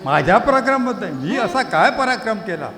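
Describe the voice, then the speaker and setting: An actor playing a gallant young warrior hero who speaks in a courtly, affectionate way in a musical stage drama. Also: male voice, high-pitched, very animated, a little fast, fairly bright tone, heavily acted. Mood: tender. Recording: echoey hall, music and tabla behind.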